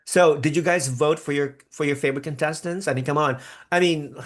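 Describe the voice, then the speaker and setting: A Philippine-born man raised in America hosts a live podcast stream reacting to a pageant and reading viewer comments. His voice is on the high side and steady, his pace brisk, and he rambles chattily with upbeat bursts.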